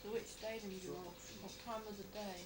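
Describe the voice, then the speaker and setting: A woman's voice: medium pitch, steady tone, quick pace, background noise. A woman chatting casually with her family at home, heard through the built-in mic of an old VHS camcorder tape. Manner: chatty, teasing questions. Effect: old VHS camcorder tape sound.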